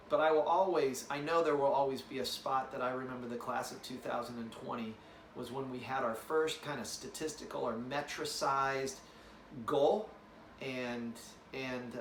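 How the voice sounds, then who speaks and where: A man's voice: mid-range voice, slight background noise. Man giving a rambling address from afar. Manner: relaxed, rambling, many fillers and restarts. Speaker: fellowship leader addressing new class. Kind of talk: informal address to a group. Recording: roomy, distant mic with faint ambience.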